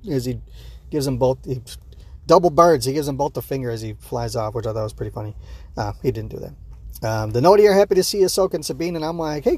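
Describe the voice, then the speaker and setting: A man's voice: mid-range voice, slightly rough. Man rambling through a casual recap. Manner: rambling, animated, lots of fillers and acted-out quotes. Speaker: show host. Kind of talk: casual episode reaction recap.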